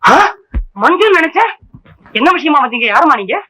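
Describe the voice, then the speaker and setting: An actor playing a forgetful young husband in a 1960s film comedy, talking in a quick, teasing, muddled way. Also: male voice, extremely high pitch, sing-song, background noise. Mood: confused. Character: absent-minded young husband, comic, scatterbrained.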